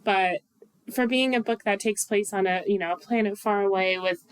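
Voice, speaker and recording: A woman's voice: mid-range voice, moderate pace, clear, resonant tone, no echo. A woman co-hosting a podcast, talking in a chatty, enthusiastic way with lots of fillers. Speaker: podcast co-host. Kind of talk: casual podcast chat.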